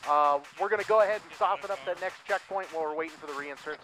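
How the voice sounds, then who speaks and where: A man with a slightly high voice directs a platoon in a military game. He uses radio procedure and gives orders matter-of-factly, sounding casual between calls. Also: quick pace, a bit bright, faint music behind. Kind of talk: military radio chatter in gameplay.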